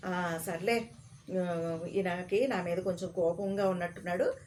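A woman's voice: fairly low pitch, unhurried, a little mellow, a little hiss or hum, close to an everyday voice. Woman playing a naive young guy in a comic storybook reading, earnest and fretful. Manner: earnest, pleading questions. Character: naive young man, anxious and fussy.

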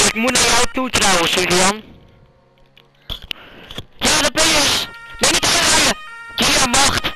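A male vlogger giving live gaming commentary, making urgent, hurried calls to a teammate. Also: very high voice, heavy background noise.

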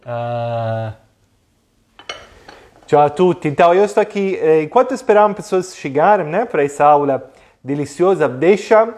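A man's voice: a little high, animated, normal speed, darkish tone. A man in his thirties with an Italian accent, a native Italian speaker, giving a casual, chatty, hesitant live cooking lesson. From Italy. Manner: chatty and hesitant, mixing Italian greetings into talk. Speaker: online cooking class host. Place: home kitchen, indoors. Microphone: clip-on lapel mic.

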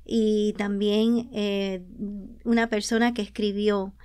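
A woman hosting a radio interview, asking questions calmly and gently. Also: medium pitch, slow pace, smooth. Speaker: radio show host. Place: radio studio.

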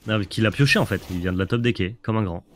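A man co-hosting a card-game stream in casual chat, relaxed and hesitant, often trailing off in asides. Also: lowish voice, quick pace. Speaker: co-host, gameplay commentator.

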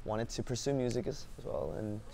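A young man, a singer-songwriter born in South Korea and raised in Canada, answering interview questions in a relaxed, upbeat way with lots of fillers, on a lapel mic in a dim studio. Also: medium pitch, fairly quick, gravelly, a little hiss or hum. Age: young adult. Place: dim indoor studio set.

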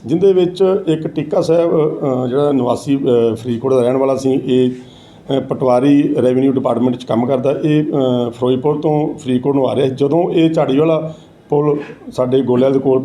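A police officer giving a halting statement to the press, with many pauses and fillers. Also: male voice, medium pitch, mellow, slight background noise.

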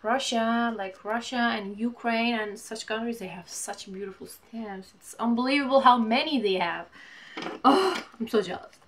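Chatty young woman gushing over mail. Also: a little high. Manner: chatty, gushing, reads letters aloud haltingly. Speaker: vlogger. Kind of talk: casual unboxing chat. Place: small home room, indoors.

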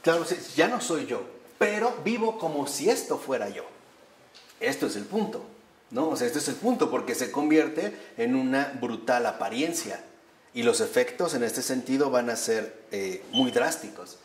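A man's voice: medium pitch, animated, moderate pace, slight background noise. A man gives an explanatory talk to a live audience and often ends his points with a tag question. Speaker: lecturer. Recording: roomy echo with faint ambience.

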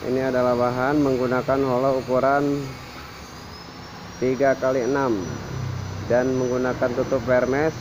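A man talks through his metalwork plainly and methodically, listing sizes and materials one after another. His voice sits at an ordinary middle pitch. A heavy wash of noise runs underneath him the whole time. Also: little pitch movement, moderate pace, long pauses. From Indonesia. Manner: plain, explaining measurements step by step. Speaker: workshop owner showing his work. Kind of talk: casual narration over workshop footage. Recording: loud background noise.

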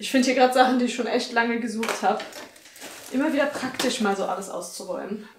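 A woman's voice: a little high, quick pace, noisy background. Chatty young woman vlogging at home. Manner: chatty, upbeat, listing her chores. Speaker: lifestyle vlogger. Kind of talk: casual vlog talk to camera. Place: small bright apartment room, indoors.

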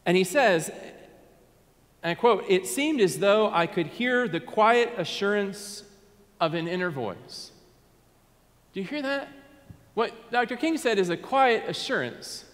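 Earnest pastor preaching in a reverberant sanctuary. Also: male voice, high-pitched, animated, a little slow, long pauses. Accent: Southern US. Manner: earnest, drops to a soft hush on key words. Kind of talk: sermon. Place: church sanctuary, in front of a Christmas tree. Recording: long hall reverb.

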